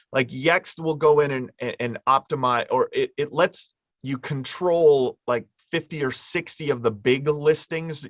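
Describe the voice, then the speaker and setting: A man's voice: medium pitch, no room sound, studio quality. A man presenting a marketing webinar in an informal, conversational way, explaining with hypothetical examples.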